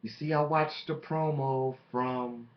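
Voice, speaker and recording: A man delivering a boastful, taunting wrestling promo as a monologue, with deliberate dramatic pauses. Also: medium pitch, steady tone. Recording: dull lo-fi microphone recording.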